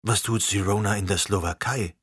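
A man reading the part of a quiet, long-suffering assistant who takes notes and speaks in a subdued, dry way. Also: on the low side, fairly even intonation, normal speed, breathy edge, dry recording. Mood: puzzled.

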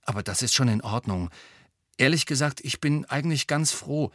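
A man's voice: mid-range voice, normal speed, fairly bright tone, dry recording, studio quality, voice pushed up, lightly acted. A man voicing a guarded, uneasy teenage wizard boy who talks hesitantly and defensively.

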